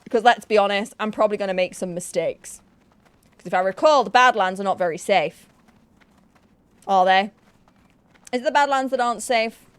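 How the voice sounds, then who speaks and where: With a medium-pitched voice at a moderate pace, this Yorkshire-born young woman leaves long pauses as she streams an online game. The tone is clean with no room sound. Chatty and self-deprecating, she thinks aloud in Yorkshire English shaded by Newcastle, frequently beginning again.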